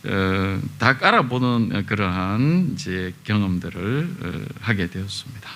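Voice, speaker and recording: Bright-voiced pastor man, chatty sermon. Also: lowish voice, lively intonation. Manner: conversational storytelling with many pauses and fillers. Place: church sanctuary.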